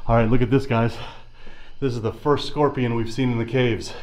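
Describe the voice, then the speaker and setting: A man's voice: mid-range voice, fairly even intonation, moderate pace, darkish tone. A man in his forties hosting a wildlife adventure vlog, speaking emphatically and informally to viewers. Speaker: wildlife adventure show host. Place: inside a rocky cave. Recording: echoey cave, music behind.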